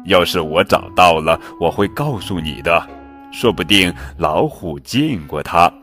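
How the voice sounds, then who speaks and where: A man's voice: deep voice, animated, a little slow, fairly bright tone, faint music behind. A man voicing a fatherly lion who exclaims dramatically. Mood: concerned. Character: fatherly lion, warm and fussing.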